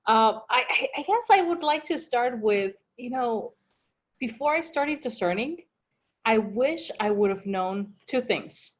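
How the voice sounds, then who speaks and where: A woman in her forties speaks slowly and earnestly over a video call. She takes her time, reflecting on her path with a thoughtful, unhurried manner. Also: a little high, expressive. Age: 40s. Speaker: religious sister in formation.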